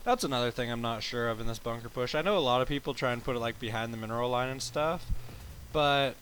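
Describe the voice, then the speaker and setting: A man's voice: mid-range voice, fast, fairly bright tone, slight background noise. A tired man giving laid-back, rambling gameplay commentary, swearing casually as he explains his moves. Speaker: game commentator.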